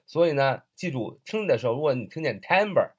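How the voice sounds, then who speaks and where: Husky male teacher, lively pitch. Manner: spells words letter by letter and repeats them slowly; frequent "uh" and "ah" fillers. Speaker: English listening teacher. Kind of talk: casual online lesson.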